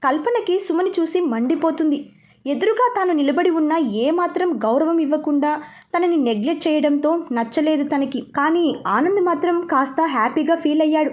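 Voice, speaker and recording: A woman reading aloud a serialized novel as storyteller, steady and expressive. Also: high voice, moderate pace. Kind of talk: scripted narration of a serialized novel.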